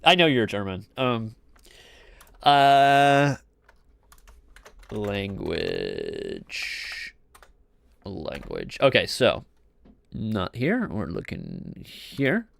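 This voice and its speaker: This casual live coding session features a man whose mid-range, creaky voice swoops wildly in pitch at a slow pace, with no echo. He works on his game, talking to chat viewers with jokes and chuckles, and murmurs softly to himself as he debugs.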